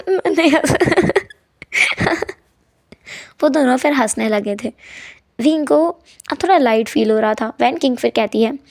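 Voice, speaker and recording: A woman's voice: a little high, moderate pace, vocal fry, a little mellow. A woman storyteller narrating a fan-fiction story in a chatty, casual way, with fillers.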